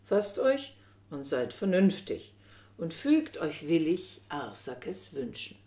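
A woman's voice: deep voice, sing-song, takes it slowly, mellow, heavily acted. A woman voicing an effusive, scheming old chambermaid who talks insistently, in a roomy recording. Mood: gushing. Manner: gushing, insistent. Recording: roomy echo.

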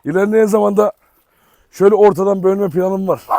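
A man's voice: high voice, fairly even intonation, fairly quick, warm tone, dry recording. A man, a dog breeder hosting a vlog, chatting casually to his viewers and calling to his dogs in an outdoor kennel yard. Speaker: dog breeder and channel host.

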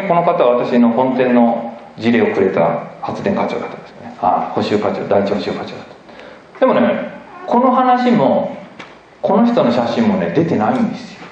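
A man giving an emphatic, animated public lecture with slides, often asking the audience questions. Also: medium pitch. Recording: echoey hall, dull lo-fi recording.

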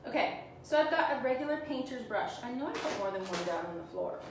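Fast and animated, with a voice on the high side, a Canadian woman in her forties leads a live furniture painting demo from the floor of a small indoor room. She chats with viewers and teases herself as she works. A camera on a stand a few feet away records her, so the mic is far off, the room echoes and the background is noisy.

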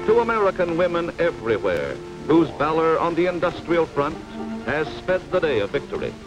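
A man's voice: on the high side, very animated, brisk, over music. A man giving stirring, declamatory 1940s newsreel announcing. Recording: old archival film audio, distant.

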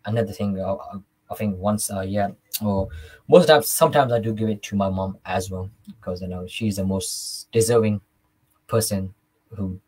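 Husky, low-voiced young man. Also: normal speed, darkish tone, low-quality recording. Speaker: interview guest, devotional singer. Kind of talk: interview conversation. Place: small room indoors on a video call.

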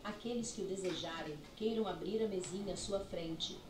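A woman making a formal, slowly measured cabin announcement as a flight attendant. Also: lowish voice, roomy sound. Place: airplane cabin. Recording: distant cabin PA in a noisy plane.

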